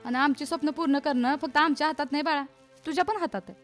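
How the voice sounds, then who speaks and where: A worried, nagging village mother, acted by an actress. Her high voice frets and scolds without pause. Faint film music sits under her lines. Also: lightly acted. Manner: fretful, nagging. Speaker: mother of a schoolboy.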